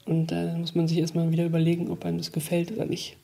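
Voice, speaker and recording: A woman's voice: lowish voice, completely flat delivery, racing, vocal fry, mellow. A woman thinking aloud in a spontaneous interview comment, with fillers. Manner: thoughtful, with fillers.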